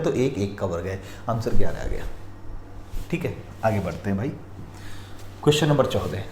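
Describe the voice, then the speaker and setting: Male teacher, dark warm tone, coaxing viewers step by step; roomy echo and faint hiss. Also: mid-range voice. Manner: repeatedly urges viewers to pause and look carefully. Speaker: reasoning exam teacher. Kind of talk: explaining practice questions. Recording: echoey room, faint noise.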